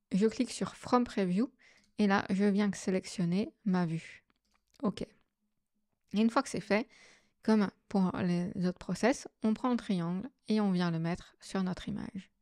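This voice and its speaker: A woman hosting a software tutorial, explaining each step casually with frequent fillers. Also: mid-range voice, no echo, studio quality. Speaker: astrophotography tutorial host. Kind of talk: screen-recorded software tutorial.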